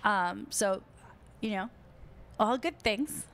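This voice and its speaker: A woman's voice: mid-range voice, slow, a bit bright. A woman co-hosting a casual sports podcast, chatty and upbeat, laughing easily. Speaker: podcast co-host.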